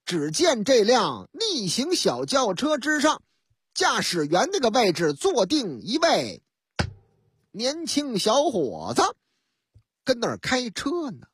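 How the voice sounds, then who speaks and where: A woman spins a news story like a comic storyteller, full of set phrases and asides. Her voice is slightly high and husky, and her pitch leaps about animatedly. The studio sound is dry and close. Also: huge pitch swings, takes it slowly, no room sound. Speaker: radio host.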